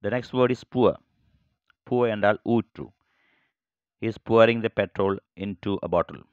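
A man teaching English vocabulary, saying each phrase slowly and then repeating it in translation. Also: on the low side, darkish tone, smooth, no room sound, muffled recording. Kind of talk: bilingual vocabulary lesson.

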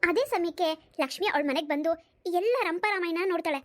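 A woman's voice: very high voice, fast, slight background noise. A woman narrating a cartoon story who talks to her viewers in a friendly, chatty way. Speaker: storyteller and channel host.

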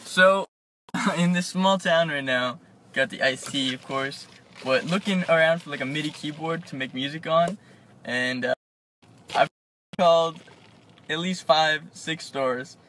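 A man chatting casually and excitably in a selfie video diary, filmed on his phone. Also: fairly high pitch, measured pace, long pauses, low-quality recording. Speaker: vlogger. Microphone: phone held at arm's length. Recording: phone recording with clear background noise.

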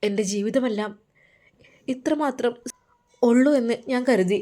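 A woman's voice: medium pitch, normal speed, warm tone, lightly acted. A woman voicing a loving young wife who speaks with emotional, pleading tenderness. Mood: tearful joy.

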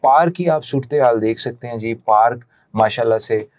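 Recorded with clean studio sound and no echo, this thirty-something man with a Pakistani accent talks at a moderate pace in a darkish mid-range voice. Acting as a consultant, he pitches property in a promotional real estate video, salesman-style, on a lapel mic.

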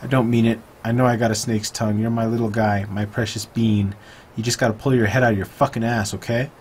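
A man's voice: lowish voice, steady tone, quick pace, a little mellow, slight background noise, pitched above the performer's own voice, close to an everyday voice. A man reading out a note in the voice of a mother, mock-sweet and crude. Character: scolding, loving mother writing an apology note.

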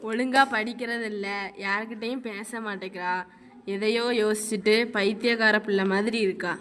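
A woman's voice: mid-range voice, steady tone, moderate pace, a bit bright, close to an everyday voice. A woman playing a weary, worried father who plaintively recounts his troubles step by step. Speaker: father at counseling. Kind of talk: amateur comedy stage acting.

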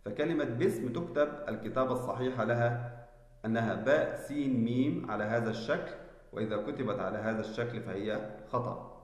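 A male teacher giving a spelling lesson, explaining slowly and deliberately and checking that students follow. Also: medium pitch. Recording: echoey room with long reverb.

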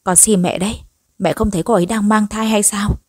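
A woman's voice: mid-range voice, fairly even intonation, brisk, darkish tone, slightly rough, no room sound, studio quality, close to an everyday voice. A woman voicing an earnest, protective young husband in a storybook reading. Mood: firm. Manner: earnest, firm but respectful.

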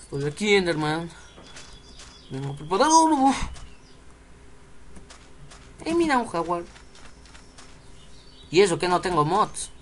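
A man's voice: sits high, big pitch swings, normal speed, long pauses, fairly bright tone. Chatty gamer guy, noisy recording. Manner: chatty, jokey, talks to the game. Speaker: let's play gamer. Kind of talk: casual gameplay commentary.

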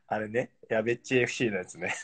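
A man's voice: lowish voice, husky. A man, chatting casually on a live stream and laughing often. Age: 40s. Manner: laid-back, laughs often, joking. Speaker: pro footballer, live-stream guest.

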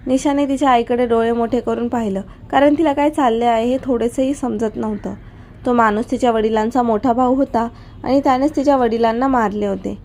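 A woman narrating an emotional family story in a steady, even reading voice. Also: a little high, fairly quick, slight background noise.

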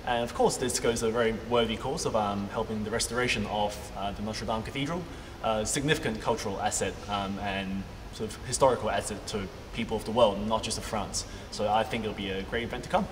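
A man's voice: on the low side, steady tone, fairly quick, hardly any pauses. A man answering a presenter's questions, hesitant with frequent ums. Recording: distant voice with long reverb and faint noise.

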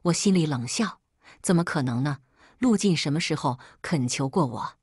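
A woman reads a first-person melodrama aloud in a cool, bitter tone. Her voice sits low with a husky grain. The sound is close and dry, with no room around it. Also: animated, moderate pace, a little mellow, no echo. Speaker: story narrator. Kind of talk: first-person audiobook narration.

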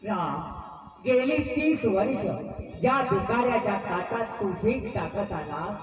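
A man playing a solemn divine figure who slowly reveals a hidden truth in a live folk stage drama. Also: high voice, lively intonation, highs cut off. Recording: distant hall recording with crowd and music.

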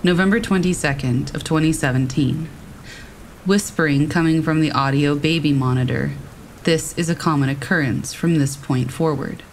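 A narrator reading first-person horror stories aloud in a steady storytelling manner. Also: medium pitch, moderate pace, slight background noise, low-quality recording.

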